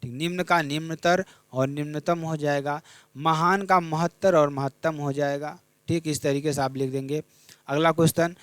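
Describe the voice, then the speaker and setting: A man's voice: fairly high pitch, dry recording. A young man teaching a Hindi exam revision lesson, repeating each question and checking in with his students.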